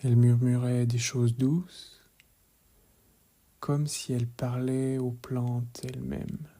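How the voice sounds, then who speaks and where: A man leading a guided relaxation meditation in a calm, measured voice, soft and hushed, often slipping into a whisper. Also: mid-range voice. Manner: calm, measured, gently instructive.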